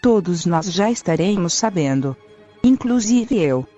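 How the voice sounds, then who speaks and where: A woman voicing a teasing female search-engine assistant in a radio comedy sketch, with a slow, flat, mocking robotic delivery. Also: lowish voice, dull audio. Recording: radio broadcast with music bed.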